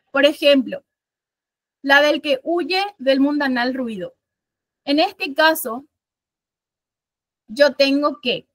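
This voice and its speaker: A woman's voice: sits high, fairly bright tone, no echo. A woman from Paraguay teaching a literature class, explaining things step by step, counting syllables aloud and often correcting herself mid-sentence. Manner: frequent self-corrections and fillers. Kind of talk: online class lecture.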